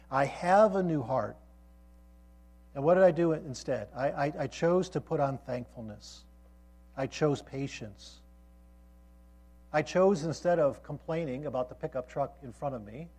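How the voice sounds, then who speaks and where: A man's voice: mid-range voice, moderate pace, darkish tone, husky. A man teaching a sermon to a college group, earnest and emphatic, often restarting phrases and checking in with his listeners. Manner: frequent restarts and repeated words. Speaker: college ministry pastor.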